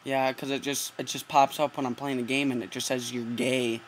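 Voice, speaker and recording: Keeping a straight face, this teen prank caller sounds earnest and brisk, his mid-range voice barely shifting in pitch. The casual call comes through a nearby laptop microphone with plenty of noise.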